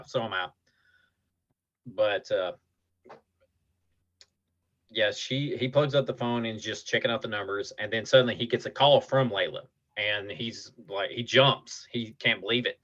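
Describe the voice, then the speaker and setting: A man hosting a casual podcast, retelling scenes in an animated way. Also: on the low side, muffled recording. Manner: animated retelling with acted quotes. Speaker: podcast host.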